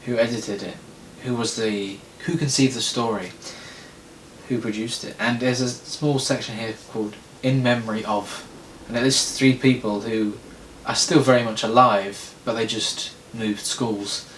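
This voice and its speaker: A man's voice: fairly even intonation, measured pace, a bit bright. A man reading his old scripts aloud in a dry, self-deprecating comedy sketch. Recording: echoey room with faint rumble.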